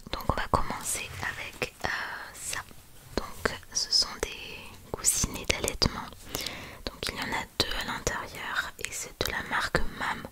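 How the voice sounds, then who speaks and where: A young adult woman speaking in a hushed, library-quiet whisper, presenting items in a soft ASMR style. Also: unhurried. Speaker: ASMR video creator.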